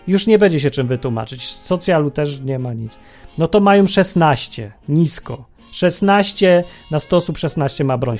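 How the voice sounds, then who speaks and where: A man's voice: a little high, a little mellow. Sarcastic Polish-talking radio host man. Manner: sarcastic, mocking, with exclamations. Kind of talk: opinionated radio monologue.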